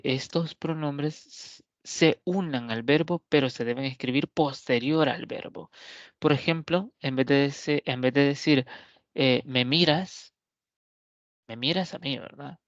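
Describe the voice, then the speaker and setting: Male teacher, very slow and methodical delivery, mid-pitched voice; dull lo-fi recording, dry and close. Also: no room sound. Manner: slow, deliberate explaining with frequent pauses and checks on the listener. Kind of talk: recorded grammar lesson.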